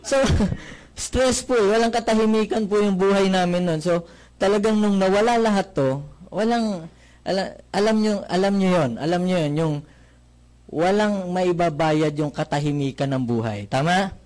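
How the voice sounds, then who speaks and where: Filipino guy telling his story to a crowd, higher voice, jokey and lively, keeps asking questions. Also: moderate pace. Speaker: motivational speaker giving a testimony. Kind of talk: testimonial talk to a live audience.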